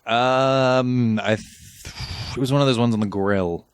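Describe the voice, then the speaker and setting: A man's voice: mid-range voice, unhurried, clear, resonant tone, dry recording. A British man co-hosting a podcast in casual, rambling chat, joking and trailing off mid-sentence. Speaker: podcast co-host.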